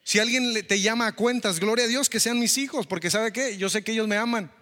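A man preaching with a high, bright voice that carries in a long church reverb. He is animated and keeps asking the congregation questions. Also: fairly quick. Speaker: pastor. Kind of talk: sermon.

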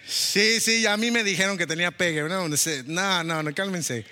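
A man preaching a sermon as pastor, animated and often asking the congregation questions. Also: high-pitched, moderate pace, long reverb tail.

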